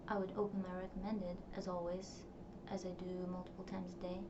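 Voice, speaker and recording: In a low-leaning voice with a completely flat, brisk delivery, a young vlogger whose first language is Russian talks to camera for her personal diary vlog. She rambles and reflects, using many fillers. It's a distant, dull, noisy home recording.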